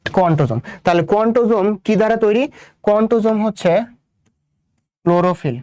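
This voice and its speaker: Fast-talking young Bangladeshi male tutor. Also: high-pitched, darkish tone, clean tone, dry recording, clean studio sound. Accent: Bangladeshi Bengali. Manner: repetitive, quizzing students with rhetorical questions. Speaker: biology tutor. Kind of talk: exam-prep lecture.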